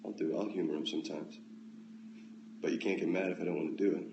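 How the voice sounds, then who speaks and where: An American man hosting a casual phone livestream at home, reading out comments with relaxed, dry, offhand replies. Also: low-pitched, quick pace, vocal fry, lo-fi sound, noisy background. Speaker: livestream host. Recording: echoey room, faint ambience.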